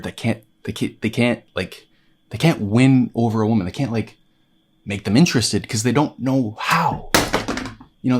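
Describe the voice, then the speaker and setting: Brash, profane young man giving advice. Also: lowish voice. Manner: brash, profane, pep-talk tone. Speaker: self-help vlogger. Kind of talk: comedic dating advice monologue.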